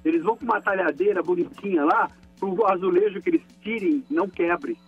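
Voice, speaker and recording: A man, heard over a muffled phone line. His voice sits high and sounds husky, and he tells his complaint in an indignant, emphatic way. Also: brisk, faint music behind. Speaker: caller. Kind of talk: call-in complaint.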